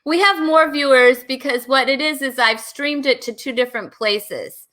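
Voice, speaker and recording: A woman's voice: high-pitched, moderate pace, sharp tone. A woman hosting a casual live-stream talk show, laughing often and reading out viewer comments. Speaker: host.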